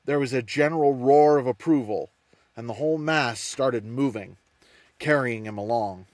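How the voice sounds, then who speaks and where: A man's voice: mid-range voice, moderate pace, darkish tone, dry recording. Man narrating an audiobook. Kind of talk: scripted narration.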